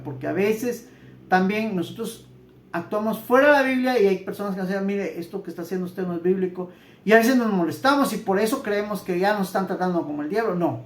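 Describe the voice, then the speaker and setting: Male Bible teacher, Central American accent, earnest conversational sermon, echoey room. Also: high voice. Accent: Central American Spanish. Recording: roomy echo.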